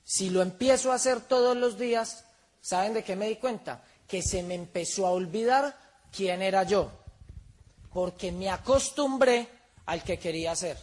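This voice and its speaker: A man giving a motivational seminar talk, firing rhetorical questions at his audience. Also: sits high. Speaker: seminar speaker.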